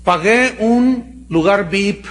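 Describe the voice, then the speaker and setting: A man voicing an excitable woman churchgoer, pleading and breathless as she confesses. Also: medium pitch, extremely slow. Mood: excited.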